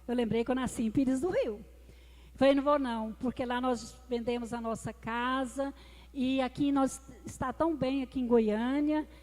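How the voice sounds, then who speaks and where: High-voiced woman testifying in a church. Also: moderate pace, a little mellow. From Brazil. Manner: emotional storytelling, addresses the congregation as brothers. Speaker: deaconess giving a testimony. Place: church hall. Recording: reverberant church hall with music.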